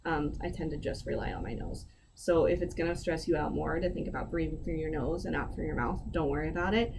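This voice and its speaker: Low-voiced woman guiding a breathing lesson. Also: steady tone, fast, background noise. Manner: candid, gently encouraging, self-deprecating asides. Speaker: wellness instructor.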